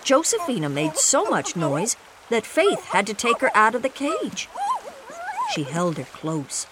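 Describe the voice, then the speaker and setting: A woman reading a children's picture book aloud in an expressive way, acting out the quoted lines. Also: mid-range voice, unhurried, noisy background. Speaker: storybook reader.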